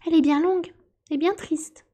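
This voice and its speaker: Storybook mouse, small and proud, shrill and easily offended, read by a woman. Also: fairly even intonation, moderate pace, warm tone. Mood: mournful. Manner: shrill and indignant, sighing. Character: touchy, proud little female mouse.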